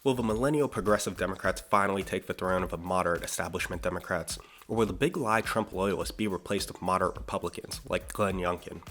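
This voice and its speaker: A young man with a very low, deep voice narrates a scripted economics explainer as the channel's host. He is from Pittsburgh, Pennsylvania, and talks with energy and a dry, mildly sarcastic edge. Soft music plays quietly underneath.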